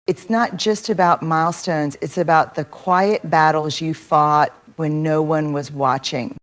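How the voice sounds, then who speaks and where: A woman delivers a motivational speech in a low voice. She speaks slowly and deliberately, stressing each phrase and building her points through rhythmic repetition. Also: fairly even intonation. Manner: measured, emphatic delivery with rhetorical repetition.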